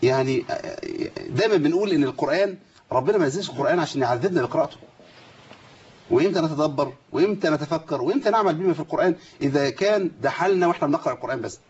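A man with an Egyptian Arabic accent leads a tajweed lesson, his slightly high voice carrying a husky edge. He quizzes his students by name, recites examples and points out common errors. The sound is dull and lo-fi, like a broadcast. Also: expressive, rapid-fire, darkish tone. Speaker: Quran recitation teacher.

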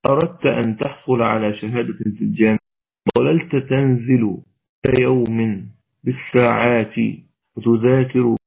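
Over thin, phone-like audio, an Egyptian preacher holds a religious lesson with Q&A, straining to raise his weak, husky voice. His pitch is mid-range, his tone steady and his speed normal. He blends formal and colloquial Arabic with an Egyptian accent, earnest and exhorting.

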